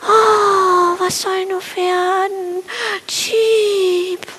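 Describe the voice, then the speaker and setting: A timid little sparrow frets and whines in a high, raised voice, as a woman storyteller puts him on. The voice has a gravelly edge and goes up with every worry, as in a bedtime story. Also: measured pace, a bit bright, slight background noise, heavily acted. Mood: anxious. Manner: anxious, whiny, fretting questions. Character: small timid fretful male sparrow.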